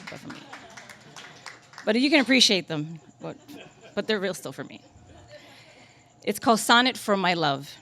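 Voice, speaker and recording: A woman poet giving a live reading at a coffee shop. She reads her poems in a deliberate, measured way and chats casually and self-deprecatingly between them. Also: low-pitched, vocal fry.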